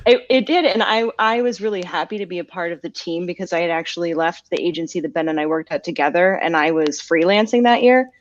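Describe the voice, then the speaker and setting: A woman's voice: fairly low pitch, fast talker, hardly any pauses, dry recording. Giggly woman on a dull video call. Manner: giggly, bubbly. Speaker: guest, event marketing staff. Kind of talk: casual chat. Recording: dull, dry call audio.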